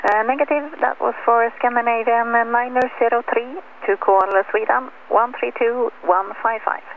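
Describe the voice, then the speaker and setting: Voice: medium pitch, steady tone, moderate pace, gravelly. An air traffic controller giving clipped instructions, heard over aviation radio. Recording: distant tinny radio transmission.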